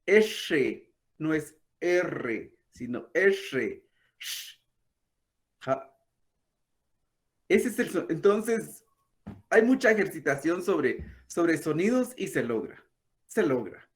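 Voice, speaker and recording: A man, a language teacher patiently explaining and softly demonstrating throaty sounds. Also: a little high, big pitch swings, takes it slowly. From Guatemala. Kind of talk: explanatory talk.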